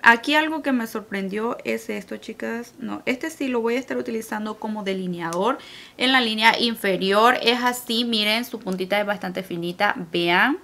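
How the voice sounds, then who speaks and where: A woman's voice: a little high, normal speed, creaky, a bit bright. A Salvadoran woman with a Salvadoran Spanish accent, giving a casual makeup tutorial in a chatty way and often calling viewers "girls". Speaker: makeup vlogger.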